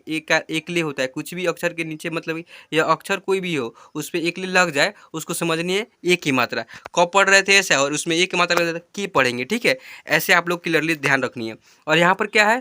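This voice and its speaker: A man teaching a handwriting lesson to children, patient and slow, checking in often. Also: a little high, sharp tone, clear, resonant tone, no echo, clean studio sound. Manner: patient, repeats "ठीक है" as a check-in; slow, drawn-out dictation of letter pairs.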